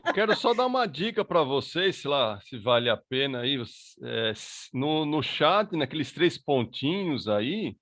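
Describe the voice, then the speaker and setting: A man's voice: a little high, big pitch swings, measured pace, few pauses, a bit bright, no echo, clean studio sound. A man on a video call giving a helpful tip and explaining the steps in a casual way.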